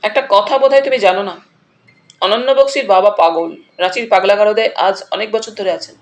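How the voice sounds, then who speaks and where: A woman's voice: medium pitch, fairly quick, natural voice. A woman reading the part of a blunt, pushy young male suitor who presses hard with challenging questions. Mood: accusing.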